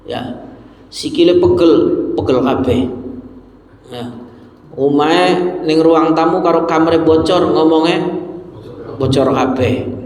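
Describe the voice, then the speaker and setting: A man's voice: on the high side, slow pace, pauses often, a little mellow. A man giving a humorous Quran commentary lecture in a mosque, joking and mixing in local words. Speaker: preacher. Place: mosque hall. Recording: echoey mosque hall with long reverb.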